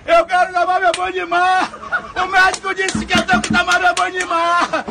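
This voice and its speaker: Older man begging in a high strained voice. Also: monotone, moderate pace, vocal fry, loud music behind the voice. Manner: begging desperately, repeating himself. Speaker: man pleading on a beach. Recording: phone video outdoors with crowd and noise.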